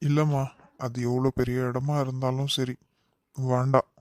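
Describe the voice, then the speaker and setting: A man voicing a worried, gentle middle-aged father in a cartoon, soft and weary, in Kanyakumari Tamil. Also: mid-range voice, little pitch movement, moderate pace, no room sound, clean studio sound, lightly acted. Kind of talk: cartoon voice acting.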